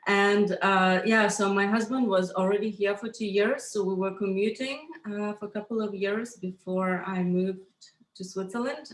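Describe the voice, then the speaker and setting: A woman's voice: medium pitch, echoey room. A woman from Lithuania, a guest in a casual interview, who talks hesitantly with many fillers and restarts.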